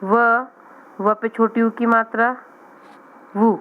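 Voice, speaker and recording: A woman teaching young children to read, slowly sounding out each letter and word. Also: fairly high pitch, level tone, narrow, tinny audio. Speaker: primary school teacher. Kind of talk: children's reading lesson.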